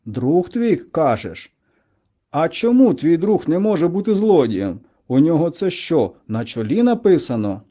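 A man voicing a stern, gruff policeman who speaks in a commanding way. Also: fairly high pitch, big pitch swings, measured pace, mellow, voice pushed up.

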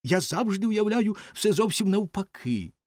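A man's voice: high voice, lively intonation, a little slow, a little mellow, dry recording, studio quality, voice pushed up. A man voicing a vain, self-pitying female rocket firework in a haughty, theatrical way.

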